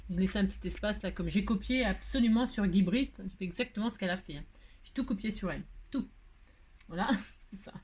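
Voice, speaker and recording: A woman's voice: mid-range voice, breathy edge. A middle-aged woman hosting a crafting tutorial, rambling and joking at herself as she works. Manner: rambling, self-mocking, hums and sings snatches of tunes while working.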